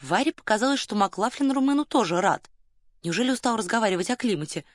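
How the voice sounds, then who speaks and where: A woman narrating an audiobook in an even, measured storytelling manner. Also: fairly high pitch, no room sound, clean studio sound. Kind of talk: scripted narration.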